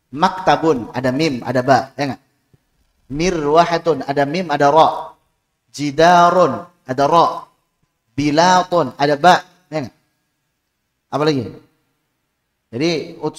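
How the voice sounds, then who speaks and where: A man's voice: a little high, big-room sound. A man teaching a Quran pronunciation class, sounding out letters and syllables for his students to repeat. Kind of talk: tajwid lesson.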